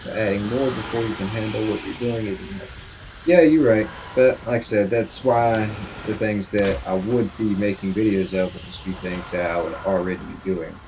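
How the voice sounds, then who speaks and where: A man's voice: fairly low pitch, steady tone, moderate pace, background noise. A man streaming a game from his home stream room, chatting with viewers in a rambling, easygoing way and laughing often into his desk mic. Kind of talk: casual chat with viewers while gaming. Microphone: desk microphone.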